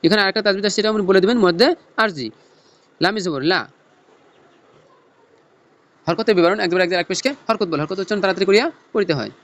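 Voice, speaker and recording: High-voiced man teaching Quran reading. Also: fairly bright tone. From Bangladesh. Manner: spells out letters and tajweed rules in a slow teaching chant. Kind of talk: Noorani Quran recitation lesson.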